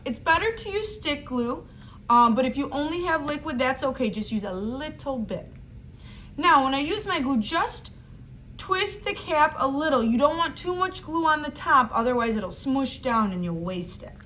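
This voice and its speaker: A woman's voice: high-pitched, fairly bright tone. A woman teaching young children a craft step by step, speaking to them directly in simple instructions. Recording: clear background noise.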